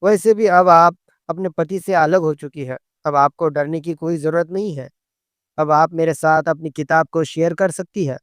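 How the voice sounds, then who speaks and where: A man's voice: a little high, moderate pace, fairly bright tone, smooth, no room sound, clean studio sound, natural voice. A man voicing a lawyer who speaks politely and coaxingly in a story reading. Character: smooth-talking lawyer, polite and suggestive.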